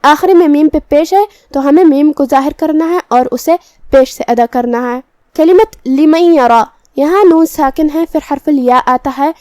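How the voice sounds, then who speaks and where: A woman's voice: high-pitched, darkish tone, no room sound. A woman teaching a Quran recitation lesson, patiently explaining each pronunciation rule step by step.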